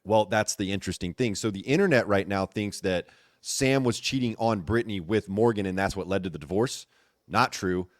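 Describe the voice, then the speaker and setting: A man hosting a casual gossip commentary chat, talking in an animated, teasing way with emphatic repetition. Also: lowish voice, brisk, no echo, studio quality. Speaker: host.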